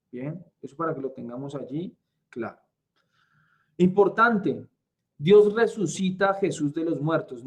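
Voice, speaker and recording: Guy tutoring a bible class, kinda high voice, says everything twice, keeps asking the class if they got it. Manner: deliberate, repeats key points, checks in with the class. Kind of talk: online Bible lesson.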